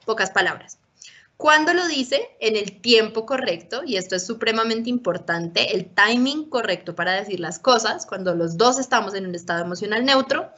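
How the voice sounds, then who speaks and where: A woman lectures parents in a workshop, her voice bright and forward. She explains step by step and keeps checking that her listeners follow. The recording is dull and lo-fi. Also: a little high. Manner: instructive, often checks in with listeners.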